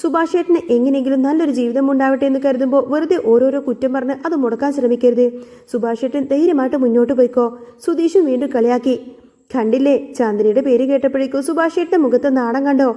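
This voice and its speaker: A woman narrates a television serial episode as a spoken story, speaking quickly and voicing each character's dialogue without changing her voice. Her voice sits high and sounds mellow and soft-edged. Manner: reads all characters' lines in her own voice.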